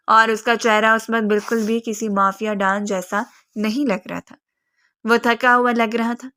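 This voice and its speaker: A woman narrates a romance novel in a steady, even voice. Her pitch sits slightly high and the reading stays scripted and measured.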